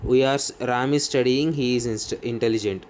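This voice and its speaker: Telugu-accented guy going over english grammar, reads rules out slow then explains, mid pitch voice. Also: a little hiss or hum. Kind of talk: bilingual grammar lesson.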